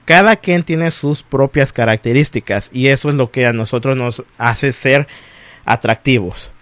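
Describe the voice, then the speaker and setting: A man, co-hosting a casual chat, animated and laughing often. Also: medium pitch, unhurried, no room sound. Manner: animated, laughs often, acts out quoted voices. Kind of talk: casual chat about exes.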